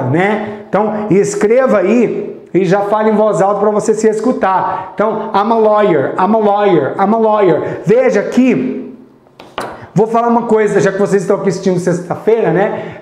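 A Brazilian man teaching English on a live stream, chatty and encouraging, slowly repeating example phrases. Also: high-pitched, darkish tone, reverberant. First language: Portuguese. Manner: sings snippets of songs to teach. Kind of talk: live online English lesson.

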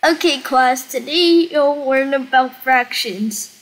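A child hosts a casual Roblox roleplay livestream, playfully directing the make-believe during game chat. The voice is high-pitched, slow, and a bit bright. The home recording is noisy, with clicks audible.

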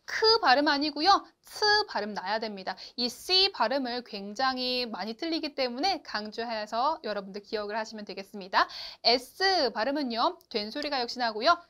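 A woman teaching a beginners' Chinese lesson, explaining clearly and asking the learners to repeat after her. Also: on the high side, lively intonation, sharp tone. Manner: slow, clear instruction with drawn-out model syllables; addresses learners directly and asks them to repeat. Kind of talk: online lesson.

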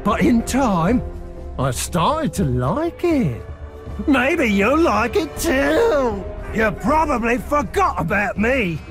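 A creepy, obsessive orc from a fantasy game. His creaky voice sits very high and swoops about slowly, with music behind it. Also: very animated, heavily acted. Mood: creepy threat. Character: unhinged masochistic male orc, creepy and obsessive.

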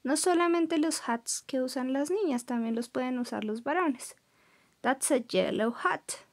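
Woman from Colombia, teacher, high voice, careful unhurried words. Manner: slow, clearly modelled pronunciation, switching between English and Spanish. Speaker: English teacher. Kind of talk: recorded classroom lesson.

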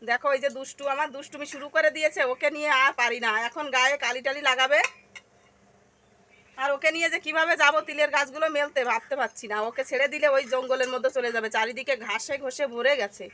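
A chatty woman vlogs outdoors around her rural home and talks to her viewers as friends. Her voice sits a little high and stays fairly flat in tune. The phone recording is noisy, with animals and outdoor sounds behind her. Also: fast talker. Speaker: family vlogger. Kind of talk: casual vlog narration.

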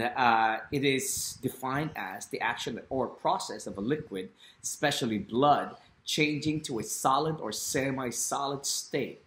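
A man's voice: mid-range voice, fairly bright tone. A man in his forties giving a short vlog sermon from his living room, speaking earnestly and quoting scripture into a laptop webcam. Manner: slow, earnest preaching with Bible quotes. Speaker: pastor. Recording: echoey home room.

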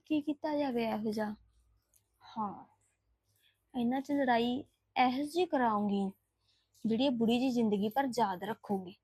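A scheming young bride from a drama film, played by a woman, who complains with plaintive grievance through tears. Her voice sits very high and rings bright and sharp. She slips into hushed asides when she plots. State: crying. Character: young scheming new bride, quarrelsome and tearful. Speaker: actress in a short film.

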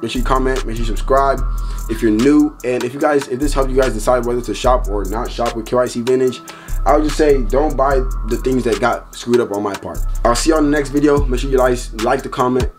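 A man's voice: mid-range voice, fairly quick, faint music behind. A young man reviewing a clothing haul in a casual, slangy, profane way, his voice jumping up when he gets upset. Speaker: haul vlogger.

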